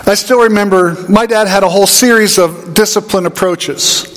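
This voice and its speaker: A man preaching a sermon, an animated storyteller who acts out voices in his anecdotes. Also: sits high, normal speed. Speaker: pastor. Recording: hall reverb.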